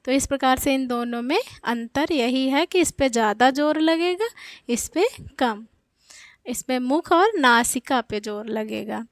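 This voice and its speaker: A woman with a high voice teaching a children's grammar lesson. She speaks slowly and patiently, repeating each example word. The sound is dry and close. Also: no room sound. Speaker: Hindi teacher.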